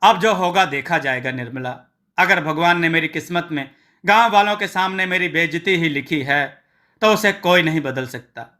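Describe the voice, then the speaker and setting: A man's voice: fairly high pitch, moderate pace, pushed and bright. A man doing a meek, pleading street vendor. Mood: downcast. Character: meek, poor male street-food vendor, trusting in God.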